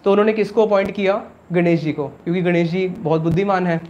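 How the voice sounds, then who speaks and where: A man leads a religious class in a high, light voice. He explains patiently, poses questions to the room and answers them himself, slipping English words into casual Hindi. The recording sounds muffled and lo-fi. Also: steady tone, fast, a little mellow, a little hiss or hum. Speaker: Gita class teacher.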